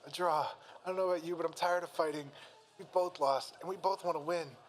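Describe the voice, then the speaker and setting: A man's voice: fairly high pitch, fairly even intonation, fairly quick, faint music behind, voice pushed up, lightly acted. A man voicing a worn-out young male fighter who pleads to be spared, in a read-aloud fan story. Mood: weary. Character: young man, weary fighter begging to live.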